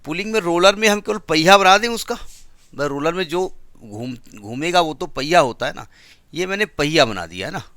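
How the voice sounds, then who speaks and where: A male physics teacher with an Indian English accent lectures step by step and keeps quizzing his class. His voice is bright and a little high. The sound is dry and close. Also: clear, resonant tone, no room sound. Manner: explains step by step, asks the class questions.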